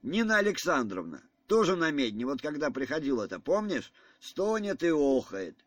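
A man voicing an agitated, insistent elderly general in an audiobook reading, speaking in an excitable manner. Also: a little high, normal speed, pitched above the performer's own voice. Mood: indignant.

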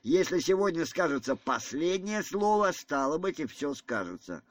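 A man's voice: fairly high pitch, sing-song, normal speed, no echo, pitched above the performer's own voice. A man doing a nervous proud young man. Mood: guarded. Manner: hesitant, defensive.

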